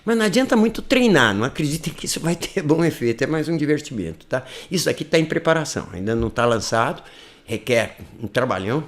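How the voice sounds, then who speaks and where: A man, tutoring an English course in a live online lesson, talking conversationally with frequent "né?" tags. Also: quick pace. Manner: lively, conversational, frequent "né?" tags, animated swings in pitch.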